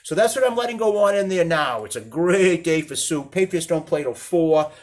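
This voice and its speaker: Chatty older man with a fairly high voice. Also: animated, moderate pace. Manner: rambling, chatty, chuckles often. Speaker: cooking channel host. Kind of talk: casual cooking vlog chat. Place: small apartment cooking area, indoors.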